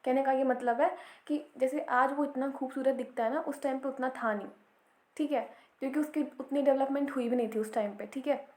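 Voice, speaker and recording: High-voiced female teacher, lecturing patiently and checking in often, in a roomy, echoey space. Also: steady tone, fairly quick, a little mellow. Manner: explains step by step, checking in with "theek hai". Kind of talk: Hinglish history lecture.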